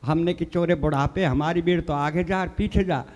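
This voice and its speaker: A man's voice: fairly high pitch, moderate pace, darkish tone, big-room sound. A man reciting comic poetry and funny stories on stage, acting out the dialogue and addressing the audience. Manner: storytelling with quoted dialogue, addressing the audience as sahab. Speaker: comic poet. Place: stage of a live poets' gathering.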